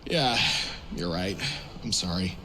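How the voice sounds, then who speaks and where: A man playing an exhausted, determined military commander in a game cutscene, terse and intense with a gravelly voice. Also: low voice, lively intonation, slow, noisy background. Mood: weary, subdued. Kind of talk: dramatic game cutscene acting. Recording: music behind the voice.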